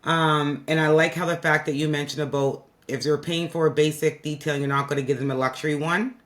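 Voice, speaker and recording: A podcast host in a casual interview who talks emphatically, often repeating a point to stress it. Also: female voice, low-pitched, fairly even intonation, fairly quick. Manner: emphatic, agreeing, repeats phrases.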